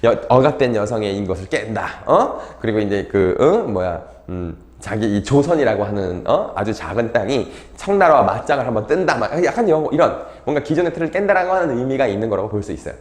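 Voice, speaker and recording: Animated, fast-talking male tutor. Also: medium pitch, echoey room. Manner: animated, jokey, acts out characters' lines. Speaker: Korean literature tutor. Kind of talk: casual storytelling lecture.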